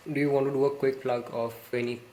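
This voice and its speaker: A man's voice: mid-range voice, level tone, quick pace, darkish tone, a little hiss or hum. A man hosting an interview, asking questions in a tentative way with fillers. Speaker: interviewer, host.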